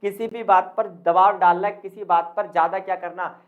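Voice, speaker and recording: A man's voice: sits high, fairly even intonation, moderate pace, phone-quality sound. A man tutoring for an exam in an explanatory lecture, who keeps asking the viewers questions, answers them himself and mixes in English terms. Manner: addresses the viewers as friends.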